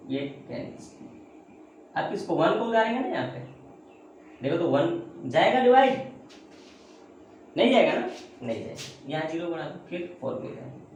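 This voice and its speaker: Man teaching math in an echoey room. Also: fairly high pitch. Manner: calls viewers beta and bachcha, voices students' questions himself. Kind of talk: classroom math lesson on video. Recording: very echoey room, faint ambient noise.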